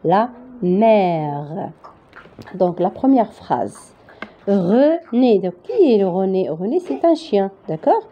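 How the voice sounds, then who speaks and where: A woman's voice: mid-range voice, big pitch swings, a little slow, few pauses, slight background noise. Woman, patient reading teacher, sounds out every letter at a crawl on a muffled home recording. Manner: spells syllables letter by letter, asks "d'accord?". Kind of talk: slow spelled-out reading lesson.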